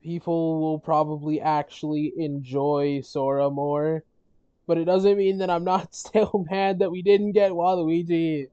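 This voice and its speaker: A streamer chatting casually on a gaming stream, rambling with halting restarts and frequent laughs, their voice worn from talking all day. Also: medium pitch, steady tone, warm tone, clear, resonant tone, no echo, muffled recording. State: losing their voice.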